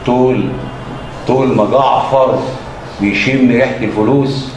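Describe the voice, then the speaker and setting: Brief: a man playing a gruff thug, blunt and menacing. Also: medium pitch, steady tone, unhurried, lightly acted. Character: rough hired thug, greedy for money. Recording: very echoey room, noisy.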